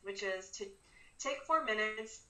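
A woman hosts a podcast, sounding bright but set back from the microphone in an echoey space. She explains casually, with an informal and slightly hesitant delivery. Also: mid-range voice, measured pace. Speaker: podcast host. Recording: roomy echo, distant from mic.

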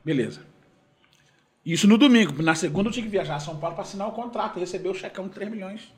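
A male gospel singer animatedly tells a personal testimony, acting out the dialogue and swinging between loud and hushed. He speaks very fast in a high voice.

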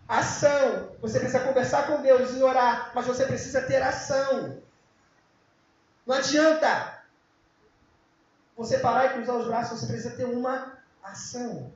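A man preaching an informal youth sermon, joking and now and then breaking into shouts. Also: very high voice. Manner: casual, joking, with bursts of shouting. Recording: very echoey, dull lo-fi room sound.

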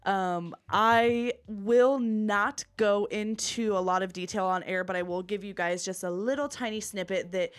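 A woman's voice: mid-range voice, steady tone, a little slow, few pauses, clean tone. A woman hosting a podcast in casual, slangy chat, emphatic and swearing freely. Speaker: podcast host.

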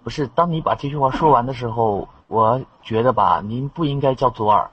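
A young man with a medium-pitched, raspy voice takes part in an online voice chat as a caller. He talks casually. The sound is dull and lo-fi. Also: fairly quick, a bit bright. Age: young adult. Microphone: online voice chat microphone.

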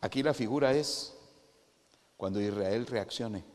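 A man with a Guatemalan accent preaching a sermon, animated and emphatic, often calling his listeners "brother". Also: fairly low pitch, unhurried, long reverb tail. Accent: Guatemalan Spanish. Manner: animated, addresses listeners as "hermano", rises to loud emphatic peaks.

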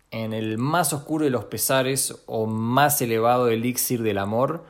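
A young man, a guest musician speaking in a thoughtful, measured first-person monologue with small restarts. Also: mid-range voice. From Argentina. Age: young adult.

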